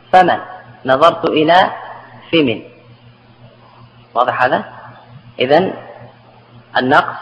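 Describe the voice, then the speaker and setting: A man's voice: on the high side, a bit bright. A man teaching a grammar lesson, explaining step by step, repeating word forms and quizzing his students. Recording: reverberant hall, faint background noise.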